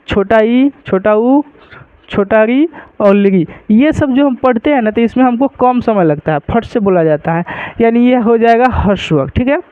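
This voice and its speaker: Guy teaching grammar, really high smooth voice, keeps asking if u got it, dry dull recording. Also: no echo. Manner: repetitive, checks understanding with rhetorical questions. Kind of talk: explaining grammar lesson to students.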